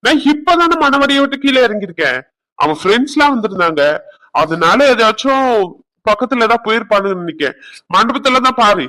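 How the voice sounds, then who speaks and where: Young cartoon man, voiced by a man, high and lively, excited bickering. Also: a little fast. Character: young man, drunk friend, fretful groom. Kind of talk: cartoon voice acting, young men at a wedding.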